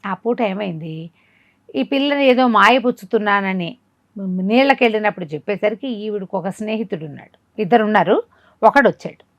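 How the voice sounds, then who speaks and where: Medium in pitch and a little fast, this woman's voice comes through lo-fi with no room sound. As a storyteller, she conversationally recounts a folk tale for a listener, bringing it to life by acting out the dialogue.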